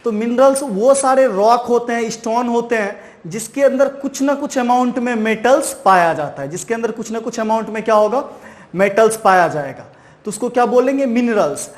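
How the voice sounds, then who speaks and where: A man's voice: extremely high pitch, animated. A man teaching a science lesson, repeatedly asking his own questions and answering them, then ending points with "right". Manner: repeats key terms slowly, ends points with "right". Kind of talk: chalk-and-talk science lesson.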